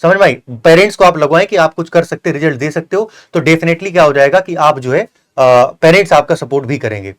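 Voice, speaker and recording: Earnest lecturing man, slightly high voice. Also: brisk, few pauses. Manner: earnest, repetitive, lecturing with many fillers. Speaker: host of a coaching channel. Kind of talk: interview with a successful candidate.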